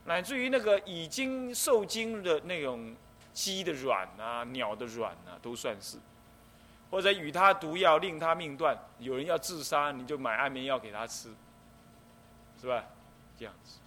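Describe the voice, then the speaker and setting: A man's voice: on the high side, normal speed. A middle-aged man, a Buddhist abbot, lecturing on the precepts. He explains step by step and acts out the things people might say. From Taiwan. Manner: explanatory, lively, acts out quoted speech. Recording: faint background noise.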